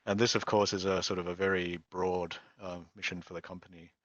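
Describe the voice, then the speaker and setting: Low-voiced, even-toned man presenting. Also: a little fast, dry recording. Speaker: startup chief executive, invited speaker. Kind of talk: informal technical presentation. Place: remote video call. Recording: dull, muffled online call audio.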